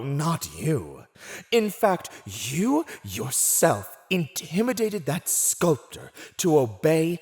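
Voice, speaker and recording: In a scripted ASMR roleplay monologue, an actor voices a silver-tongued fantasy villain who teases and mocks a prisoner. His male voice sits a little high, and his delivery is theatrical, condescending, and teasing.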